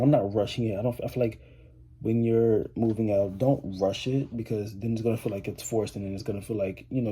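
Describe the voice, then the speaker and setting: A man's voice: fairly low pitch, mellow, slightly rough. An eighteen-year-old man chatting casually to camera as a vlogger, rambling with lots of fillers and restarts. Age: 18, teenager. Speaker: vlogger, high school student.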